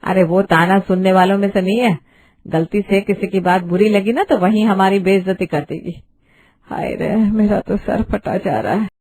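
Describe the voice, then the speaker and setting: A woman's voice: mid-range voice, steady tone, normal speed, darkish tone, breathy edge. A woman voicing a fussy middle-aged mother-in-law in a cartoon, grumbling and fretting. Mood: fretful. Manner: grumbling, fretful.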